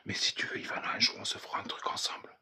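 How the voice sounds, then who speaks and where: A man whispering through a live stream from an abandoned building at night, greeting viewers and talking in a hushed, tense voice. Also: racing.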